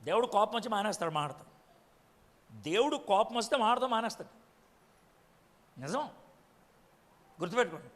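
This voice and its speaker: High-voiced preacher in an echoing hall. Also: male voice, animated, brisk, long pauses, a bit bright. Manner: questions the congregation directly. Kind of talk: sermon.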